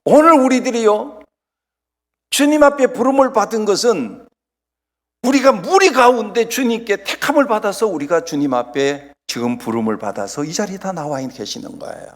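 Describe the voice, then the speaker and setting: A male pastor preaching a Sunday sermon, emphatic, swinging from loud exclamations down to near-whispers. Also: sits high, animated, normal speed. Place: church sanctuary. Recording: long church hall reverb.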